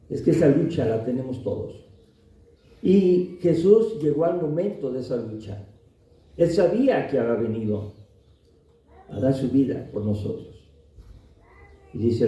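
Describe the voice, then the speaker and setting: Dark-voiced male preacher in an echoey hall. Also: medium pitch. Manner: emphatic preaching with acted-out quotes. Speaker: pastor. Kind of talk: sermon. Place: church hall. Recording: very echoey hall, distant mic, dull sound.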